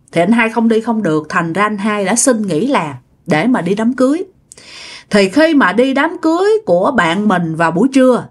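Chatty woman telling a ghost story. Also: a little high. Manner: conversational, addresses listeners directly. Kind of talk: spoken ghost story narration.

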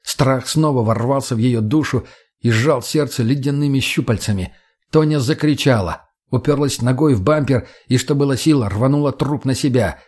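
A man narrating an audiobook in a steady storytelling voice. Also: mid-range voice, normal speed, husky. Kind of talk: scripted narration.

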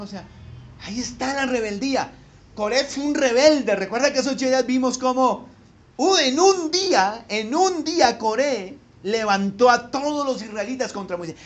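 A man preaching a sermon as pastor. He talks straight to his listeners with rhetorical questions and swings from hushed low asides to loud emphatic peaks.

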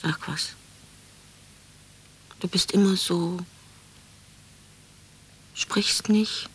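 An actress playing an anxious, pleading, embittered mother in a radio drama, speaking intimately and often hushed. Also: lowish voice, steady tone, extremely slow, slightly rough, in a whisper, exaggerated voice. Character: anxious, pleading, bitter mother of a withdrawn son. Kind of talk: naturalistic German radio drama.

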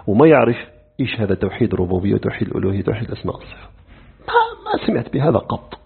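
A middle-aged man teaching a lecture on religious creed, animated, asking rhetorical questions and answering them himself. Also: on the low side, gravelly, husky. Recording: tinny phone-like lo-fi recording.

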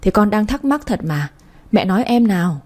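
A woman's voice: medium pitch, big pitch swings, moderate pace, a little mellow. A woman doing a blunt, scornful elder sister. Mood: scornful accusing.

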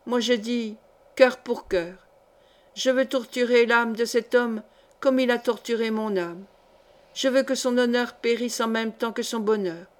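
A woman's voice: a little high, steady tone, measured pace, lightly acted. Female reader voicing a bitter middle-aged nobleman bent on revenge, grave delivery, storybook. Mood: anguished. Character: embittered vengeful nobleman, middle-aged man. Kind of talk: audiobook character reading.

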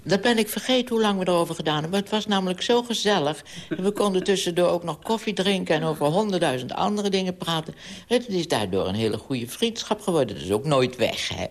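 A woman's voice: on the low side, fast talker. An older woman with a Dutch accent, a children's author, reading her own book aloud and chatting in an archival radio interview. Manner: storytelling, lively voices for characters in quotes.

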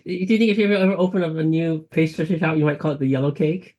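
A man's voice: a little high, steady tone, quick pace, darkish tone, muffled recording. A man co-hosting a science show with casual, jokey, easygoing chat and questions. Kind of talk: casual, joking interview chat.

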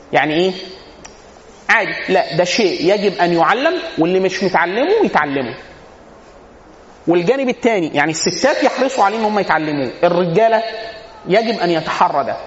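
A man's voice: high voice, slight background noise. A man with an Egyptian accent giving an informal religious lesson, telling humorous anecdotes and posing rhetorical questions that he answers himself. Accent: Egyptian Arabic. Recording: echoey hall, dull lo-fi sound.

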